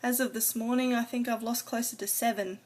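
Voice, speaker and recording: A woman's voice: fairly high pitch, fairly even intonation, brisk, darkish tone. An adult woman talking casually to camera in a personal vlog, rambling a little hesitantly and trailing off. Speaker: vlogger. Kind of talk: casual personal video diary.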